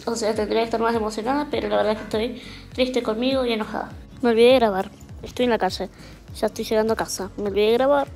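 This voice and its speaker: Creaky-voiced young Argentine woman vlogger. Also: a little high, fairly even intonation, rapid-fire, a little mellow, soft background music. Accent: Argentine (Rioplatense). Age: young adult. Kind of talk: casual chat to camera. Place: small room at home.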